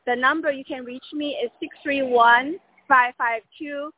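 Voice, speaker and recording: Female caller, high voice, halting unscripted complaint over thin phone audio. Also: fairly even intonation, a little hiss or hum. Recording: tinny dry phone line.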